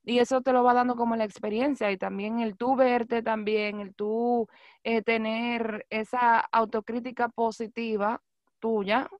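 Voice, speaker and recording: A woman's voice: a little high, flat delivery, a little slow, no room sound, lo-fi sound. A woman with a Dominican Spanish accent, a guest on a casual podcast, talking in a loose, chatty way full of fillers. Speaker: podcast guest, news anchor and actress.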